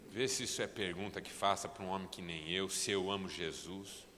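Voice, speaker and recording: A man's voice: deep voice, fairly quick, bright, forceful tone, a little hiss or hum. A Brazilian man voicing a proud, angry preacher who mutters with contempt, in a reverberant church hall. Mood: scornful. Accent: Brazilian Portuguese.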